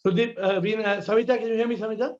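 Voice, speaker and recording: A man with a fairly high voice teaches over a shaky phone call from outdoors, his words breaking up on the line. The sound is muffled and distant, and he keeps repeating himself and asking whether anyone can hear him. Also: steady tone, very fast. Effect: voice breaking up over a bad call connection. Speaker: spiritual teacher answering questions. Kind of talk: live online question-and-answer teaching. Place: outdoors by a lake.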